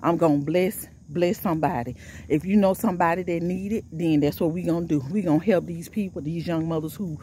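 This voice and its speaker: A woman's voice: fairly low pitch, a little fast, dark tone, a little hiss or hum. A middle-aged woman speaks outdoors while out of breath from walking. Her talk moves between casual asides and repetitive preaching that exhorts the listener. Crickets chirp faintly behind her. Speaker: vlogger.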